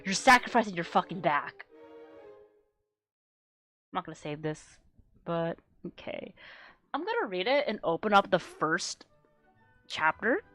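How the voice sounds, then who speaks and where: A woman streamer chatting casually with a low natural voice, rambling and swearing, often trailing off into quiet mumbles. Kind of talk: casual livestream chat.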